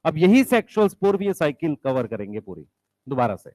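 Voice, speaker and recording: A man's voice: a little high, sing-song, fairly quick, darkish tone, no room sound. A male biology teacher lecturing a class, mixing English science terms into Hindi, asking questions and answering them himself, and calling for the students' attention.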